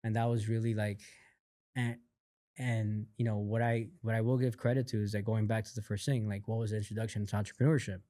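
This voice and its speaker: A man guesting on a podcast, telling a personal story in a casual, animated way, acting out what others said, with lots of fillers. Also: fairly low pitch, brisk, no echo, clean studio sound. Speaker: podcast guest, company founder.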